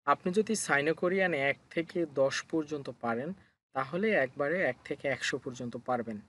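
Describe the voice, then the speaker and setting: A man's voice: fairly high pitch, normal speed, a bit bright. A man with a Bangladeshi Bengali accent teaching a language lesson step by step. He asks his own questions, answers them, and repeats each sound.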